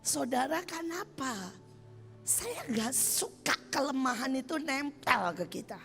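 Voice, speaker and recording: A woman's voice: high voice, lively intonation, slow, gravelly, fairly bright tone, long reverb tail, faint music behind. An older woman preaching a sermon as pastor, blunt and emphatic, acting out the people she quotes.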